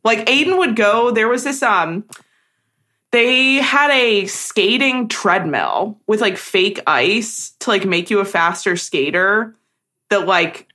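A woman's voice: medium pitch, lively intonation, slow, bright, forceful tone. A young woman co-hosting a podcast, telling stories in casual chat with lots of "like". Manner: chatty storyteller, heavy use of "like". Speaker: podcast co-host.

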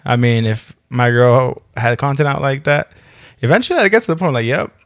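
A man's voice: medium pitch, very animated, a little fast, a bit bright, dry recording. A young man with a mid-range voice, recorded dry and close. He talks like a casual podcast co-host trading banter, full of slang, swearing and joking asides. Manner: slangy, profane, jokey.

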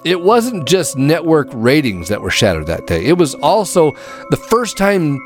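A man with a fairly high voice tells a scripted story in a dramatic, folksy way. His pitch swings widely, and faint music plays underneath. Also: sing-song, unhurried. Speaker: narrator.

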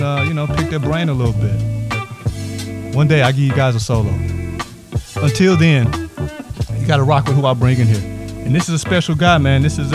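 Hyped man hosting a home podcast. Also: fairly high pitch. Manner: hyped, loose, full of shout-outs. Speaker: podcast host. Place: a house set up as a home studio.

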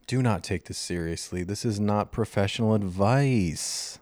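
A man putting on the voice of a male airline pilot making slow, formal cabin announcements to passengers. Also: fairly low pitch, a little mellow, dry recording, clean studio sound, lightly acted. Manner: stiff announcer delivery, slowed.

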